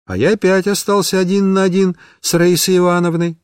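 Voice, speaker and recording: Man, storybook reading, expressive, comic, raised-pitch voice. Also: brisk, clear, resonant tone, no room sound, clean studio sound. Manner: expressive, comic first-person narration.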